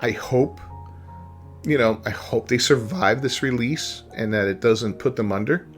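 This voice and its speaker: A man's voice: mid-range voice, measured pace, soft background music. A man hosting a gaming channel, giving casual opinion commentary in a rambling way, often tagging on "right?" and "you know".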